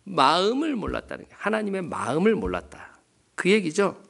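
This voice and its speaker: Lively, bright-voiced male preacher. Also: sits high, a little fast, gravelly, husky. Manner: animated storytelling with rhetorical questions to the congregation. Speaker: pastor. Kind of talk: sermon at a Wednesday prayer meeting. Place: church.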